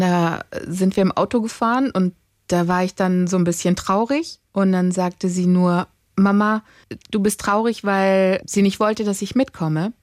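A woman in her thirties talks casually, bringing her stories to life by acting out what her children said. Her voice sits in a middle range. She is recorded close up in a dry room with no echo. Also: mid-range voice. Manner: animated, acts out quotes of her children. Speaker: podcast co-host, mother. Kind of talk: casual chat, storytelling.

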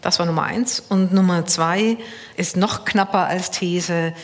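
A woman's voice: lowish voice, fairly even intonation, unhurried. Concise female critic, reverberant sound. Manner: concise, precise argument. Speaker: literary critic. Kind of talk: radio panel discussion.

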